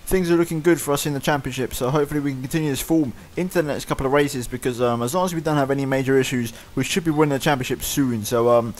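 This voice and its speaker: A man giving fast play-by-play commentary over his own racing game. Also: medium pitch. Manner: fast excited play-by-play, winding down later. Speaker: gaming YouTuber. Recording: loud racing game engine noise behind.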